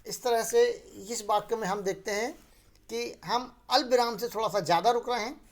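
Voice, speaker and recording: Deliberate male teacher explaining grammar. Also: very high-pitched. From Madhya Pradesh, India. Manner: slow, deliberate, repeats each definition. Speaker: school teacher.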